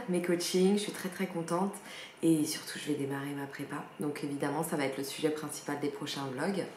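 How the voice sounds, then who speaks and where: A young woman chats casually in a fitness vlog filmed at home, listing things and using lots of fillers. Her voice is lowish and a little mellow. The recording has a roomy echo, faint background ambience, and a little hiss or hum.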